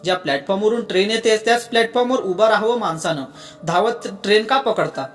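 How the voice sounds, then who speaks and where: A storyteller voicing a fiery, sharp-tongued young woman who scolds and snaps, over soft music. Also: medium pitch, fairly quick, close to an everyday voice. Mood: scolding. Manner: scolding, snapping.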